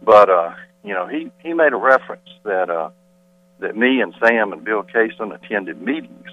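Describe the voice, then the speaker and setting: Husky-voiced man on a tinny phone line. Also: on the low side, animated, moderate pace. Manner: insistent, rebutting point by point. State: slightly out of breath. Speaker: school board member calling in as guest. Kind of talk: phone-in radio interview. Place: quiet hallway off a meeting. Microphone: telephone.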